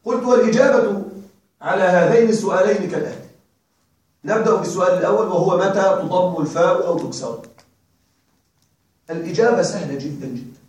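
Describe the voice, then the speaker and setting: A man with a high voice teaches a grammar class, drilling his students call-and-response style and prompting them to complete each word. He sounds distant from the microphone, and the room rings with strong echo. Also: fast, long pauses, a little mellow. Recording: very echoey room, voice far from mic.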